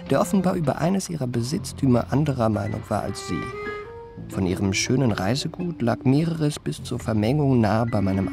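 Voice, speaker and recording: An actor with a gravelly, mid-range voice narrates a German radio play as an urbane confidence trickster looking back on his youth. His phrases are measured and ornate, with a wryly genteel touch.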